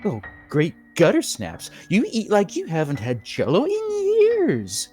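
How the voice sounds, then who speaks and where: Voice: medium pitch, huge pitch swings, measured pace, darkish tone, faint music behind, pitched above the performer's own voice. A narrator voicing an aggressively hospitable, creepy whiskered man in a horror story, with a folksy, effusive, exclamatory manner. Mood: gleeful.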